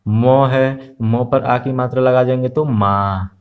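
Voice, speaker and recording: A man with a medium-pitched, steady voice teaches Hindi online to small kids. He goes slowly and patiently, saying each letter and sound again and again with plenty of fillers, and the recording sounds narrow and tinny.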